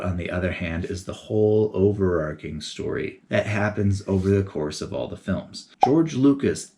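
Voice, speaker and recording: A man giving a casual, animated video essay, talking in a chatty way with geeky enthusiasm. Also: low voice. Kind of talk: casual commentary to camera.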